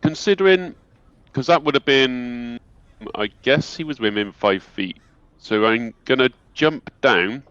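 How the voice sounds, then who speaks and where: A man's voice: mid-range voice, a bit bright, no room sound. A man playing a tabletop game, chatting casually and hesitantly as he thinks aloud. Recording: dull lo-fi sound, background music.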